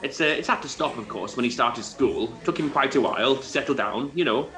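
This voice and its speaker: A Welsh actor in an audio drama, playing a friendly, mild-mannered middle-aged former truck driver who speaks politely and plays himself down. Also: male voice, medium pitch, fairly quick, bright, forceful tone, soft background music, close to an everyday voice. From Wales. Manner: mild, polite, self-deprecating.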